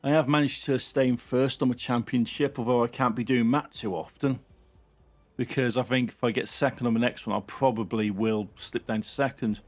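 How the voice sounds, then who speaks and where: A man talks his way through a racing game in a casual, muttering running commentary. His voice sits at a middle pitch for a man. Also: fairly even intonation, fairly quick, darkish tone. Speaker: gaming channel host.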